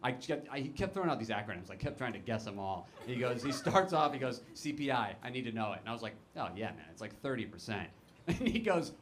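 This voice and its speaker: Self-deprecating stand-up comedian, lively pitch. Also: male voice, quick pace, a little hiss or hum. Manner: self-deprecating storytelling with acted-out quotes. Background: audience laughter.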